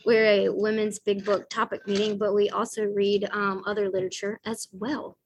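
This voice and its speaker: A woman's voice: medium pitch, flat delivery, normal speed, a little hiss or hum. Chatty woman sharing her recovery story. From American South. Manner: chatty, self-deprecating, full of fillers and acted-out quotes. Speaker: speaker sharing at a recovery meeting. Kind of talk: casual personal testimony.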